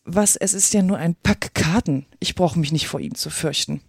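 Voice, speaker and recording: A woman's voice: on the low side, normal speed, vocal fry, a little mellow, breathy edge, no echo, clean studio sound. Woman reading a plucky polite young girl. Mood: firm. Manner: polite, matter-of-fact. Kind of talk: reading a storybook aloud.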